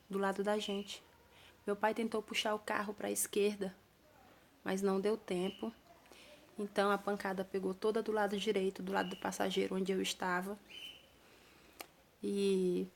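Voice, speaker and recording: A woman's voice: medium pitch, creaky, slight background noise. A young woman with a Brazilian Portuguese accent, telling her own story to camera in an earnest, plain-spoken way, with small restarts.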